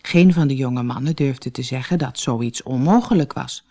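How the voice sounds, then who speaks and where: A storyteller with a mid-range voice reads a children's fairy tale from a script, giving it an expressive, deliberate read-aloud delivery like an audiobook.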